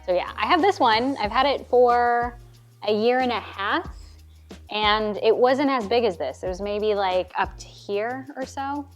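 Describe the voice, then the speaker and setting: A young woman talks casually to her camera about her plants, taking her time and stretching words out. She is chatty and teases herself. Soft music plays faintly underneath. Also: on the high side. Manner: chatty and self-deprecating, drawn-out words. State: out of breath. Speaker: plant vlogger. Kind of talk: casual chat. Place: home apartment.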